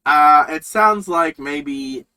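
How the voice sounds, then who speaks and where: A man's voice: a little high, drawn-out words, pushed and bright, smooth. A man giving casual, rambling reaction commentary on a cartoon, swearing and laughing as he goes. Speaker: reaction streamer.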